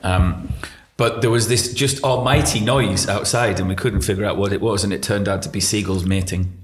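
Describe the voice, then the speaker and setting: A man with a fairly low voice hosts a casual radio chat and teases his guest dryly. The sound is roomy and echoey. A faint noise sits under it. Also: steady tone, moderate pace. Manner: teasing, dry. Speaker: radio show host.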